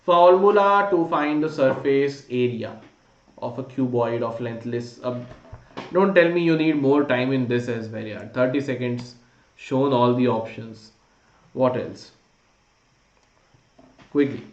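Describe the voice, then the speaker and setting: A man's voice: mid-range voice, a little slow, long pauses. A man with an Indian accent teaching a live online quiz class, informally urging students on and mixing Hindi phrases into his English. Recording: dull, roomy, echoey sound.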